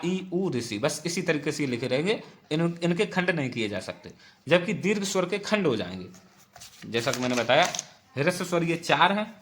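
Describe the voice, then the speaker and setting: A man's voice: on the high side, fairly bright tone. A man teaching an exam-prep grammar lesson, explaining patiently, repeating points and putting questions to the class.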